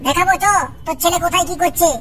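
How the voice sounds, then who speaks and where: Woman doing a furious shouting village man. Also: very high-pitched, flat delivery. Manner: shouting, threatening, rapid. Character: furious loud adult village man, threatening. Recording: cartoon dub with loud background music.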